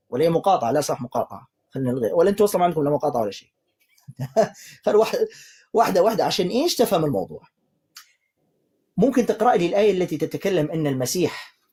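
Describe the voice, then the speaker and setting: Male preacher, husky and mellow, steady and persistent with a heated caller. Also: a little high. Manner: calm, insistent, keeps telling the caller to calm down; quotes scripture in a slow recitation. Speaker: Islamic preacher debating callers. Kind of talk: live online debate.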